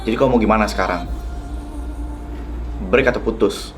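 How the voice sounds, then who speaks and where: A man's voice: fairly low pitch, moderate pace, natural voice. A young man voicing a jealous, sulking boyfriend who talks curtly and accusingly, in a dubbed youth drama. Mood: jealous, angry. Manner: curt and accusing. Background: background music.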